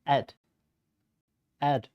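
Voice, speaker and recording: A bingo host calling a live game in a casual, unscripted way, with hesitant, halting delivery. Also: muffled recording.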